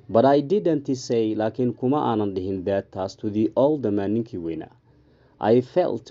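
A man with a Somali accent and a very dark, low voice reads a story slowly and deliberately for an English lesson. The recording sounds a little dull and lo-fi. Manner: slow, deliberate reading. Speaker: English teacher. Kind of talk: reading a story aloud with line-by-line translation.

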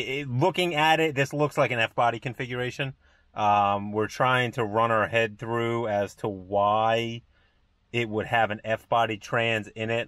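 A man's voice: on the low side, fairly bright tone, dry recording. A man narrating a casual vlog in a garage, thinking aloud as he explains a car problem with frequent "um" fillers. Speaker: car shop owner and vlogger. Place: auto garage.

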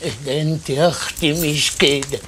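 A woman's voice: low voice, steady tone, moderate pace, fairly bright tone, a little hiss or hum. An actress playing an outspoken, teasing woman among friends, speaking with an Egyptian accent. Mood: wry. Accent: Egyptian Arabic. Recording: film soundtrack with music underneath.

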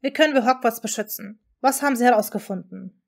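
A woman's voice: on the high side, fast, vocal fry. A woman voicing a level-headed young man who speaks earnestly in a fan-fiction audiobook.

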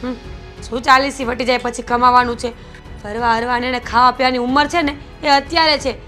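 A young woman playing a stubborn, demanding newlywed wife who talks loudly and argues. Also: a little high, fairly even intonation, fairly quick, faint music behind. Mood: argumentative. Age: young adult. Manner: loud, argumentative.

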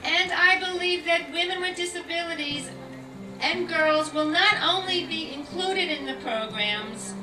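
High-voiced woman giving a slow rousing speech, far off in an echoey room. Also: over music. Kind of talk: public speech.

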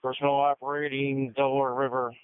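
A man's voice: mid-range voice, flat delivery, fast talker, clear, resonant tone, no room sound. A male emergency dispatcher speaking over a two-way radio, clipped and terse, repeating unit call numbers back. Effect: two-way emergency radio transmission. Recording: tinny, dry radio channel.

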